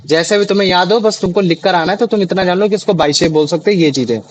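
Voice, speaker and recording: A man's voice: sits high, fast talker, low-quality recording. A young man tutoring students in a class, explaining patiently with many fillers and restarts. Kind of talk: online class teaching in Hindi.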